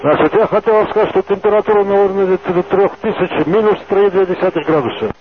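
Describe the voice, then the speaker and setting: A man's voice: high-pitched, fast talker. Man reporting over a crackly radio. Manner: brief, businesslike reports. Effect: over a two-way radio. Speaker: aircraft crew member reporting to ground. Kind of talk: radio traffic procedure. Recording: tinny radio link with clear static.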